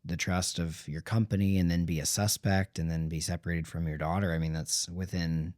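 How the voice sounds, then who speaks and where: Low voice, sympathetic podcast host, dry close sound. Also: little pitch movement, fairly quick, a little mellow, dry recording. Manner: sympathetic, short reactions. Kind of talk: casual interview.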